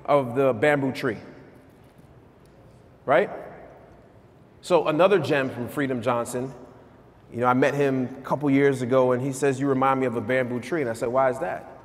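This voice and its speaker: A man in his thirties giving an energetic motivational keynote on stage in a large conference hall, asking the crowd questions. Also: medium pitch, moderate pace, long pauses. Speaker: keynote speaker. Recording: long hall reverb.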